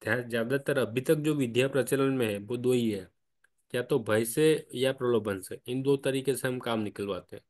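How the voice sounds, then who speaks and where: Man, discussion guide on an online call, patient and explanatory, asks questions, mid-pitched voice. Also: normal speed, a little mellow. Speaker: study group guide. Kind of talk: spiritual discussion.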